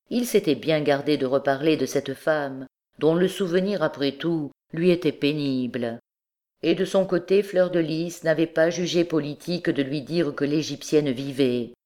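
A woman reads a classic novel aloud in a calm, measured way. Her voice sits low and deep for a woman. The pacing is steady, like a careful audiobook narration. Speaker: audiobook reader.

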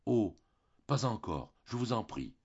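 A man voicing a shy young bride on her wedding night, speaking her few lines in a hushed, subdued way in a storybook reading. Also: sits low, very animated, normal speed, breathy edge, muffled recording, full character voice. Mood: timid.

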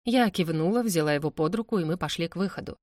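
A woman's voice: on the low side, fast talker, a little mellow, no room sound, clean studio sound. A woman narrating a first-person novel as an audiobook, reading expressively.

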